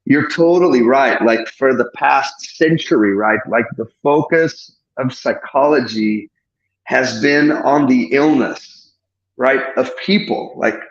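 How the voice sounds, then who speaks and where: Slow and medium-pitched, this Portuguese man is a therapist guest giving an enthusiastic podcast interview. He's effusive and expansive but keeps restarting to fix his wording, heard in an echoey room with the high frequencies missing.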